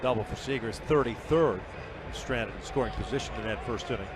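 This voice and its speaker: A man's voice: mid-range voice, brisk. A man giving live play-by-play commentary on a televised baseball game. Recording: broadcast booth over clear stadium noise.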